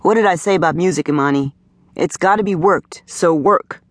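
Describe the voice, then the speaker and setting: A woman's voice: lowish voice, moderate pace, no echo, natural voice. A woman voicing an old-school musician father who speaks firmly to his daughter. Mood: stern. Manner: firm, scolding.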